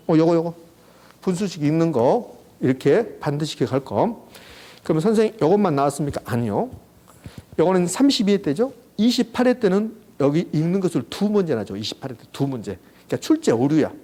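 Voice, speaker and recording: A man lecturing on an exam subject, walking students through a formula and quizzing them with quick rhetorical questions. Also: a little high, big pitch swings, warm tone. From South Korea. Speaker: real estate exam lecturer. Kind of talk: classroom lecture at a whiteboard.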